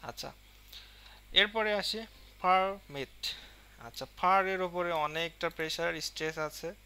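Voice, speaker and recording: A man with a Bengali accent teaching an English lesson, reading English lines slowly and then explaining them in Bengali with many fillers. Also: fairly high pitch, sharp tone, smooth.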